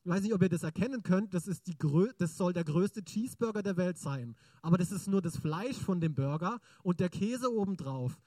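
A male preacher with a fairly high voice, giving a sermon in a chatty, lively way. He keeps turning to the congregation with questions. The sound is dry and close. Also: brisk, few pauses, no room sound.

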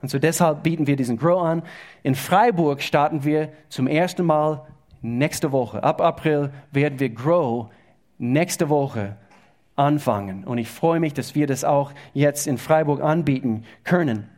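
A male pastor preaching a sermon in a halting way, often repeating words as he goes. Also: fairly high pitch, a little mellow. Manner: halting, repeats words, informal slightly unidiomatic German.

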